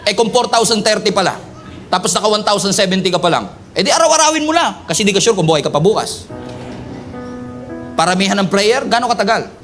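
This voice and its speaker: A man with a Filipino accent preaching a sermon as pastor, animated and joking, acting out quotes. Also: sits high.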